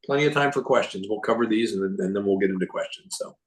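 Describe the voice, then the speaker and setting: A man giving a casual, rambling recap of a symposium to a group, often clearing his throat and restarting sentences. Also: lowish voice, fast, rough recording. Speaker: presenter reporting on a symposium.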